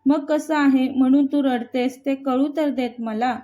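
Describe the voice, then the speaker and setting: A kind older lady of the house, voiced by a woman reading the story, asks after a young woman with gentle concern. The voice is high and soft, with a mellow tone. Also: fairly even intonation, measured pace. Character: kind caring older female mistress of house.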